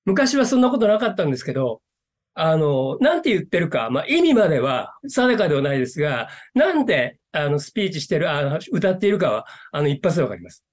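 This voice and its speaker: A man's voice: on the high side, sing-song, fast talker. A man who is a guest in the interview, talking earnestly and using many fillers. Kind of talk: interview conversation.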